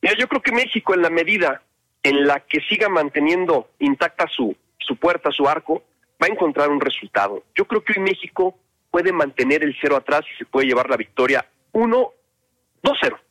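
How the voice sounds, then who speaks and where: A man reporting live from a city street, speaking in a measured, conversational way to the anchor. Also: on the high side, lively intonation, a bit bright, no room sound, low-quality recording. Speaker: field reporter.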